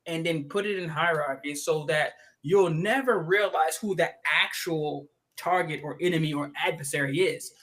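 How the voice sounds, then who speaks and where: A man co-hosting a live podcast, ranting in an animated way with frequent laughter and many restarts. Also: fairly high pitch, moderate pace, few pauses, low-quality recording. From United States. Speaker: podcast co-host.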